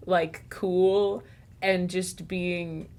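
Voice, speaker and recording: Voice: mid-range voice, level tone, very slow, darkish tone. A podcast host in casual chat, laughing often and talking enthusiastically about movies.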